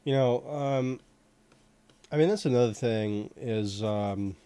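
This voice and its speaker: A man's voice: medium pitch, slow, mellow, smooth. A man chatting casually while he sculpts on screen, rambling, with lots of "you know" and "like," and swearing now and then. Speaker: host sculpting in 3D software. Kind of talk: casual chat while working.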